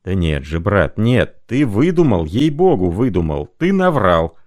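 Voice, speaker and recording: A man's voice: fairly low pitch, sing-song, measured pace, no room sound, clean studio sound. A man voicing an exclaiming, sensitive young clerk. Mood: incredulous.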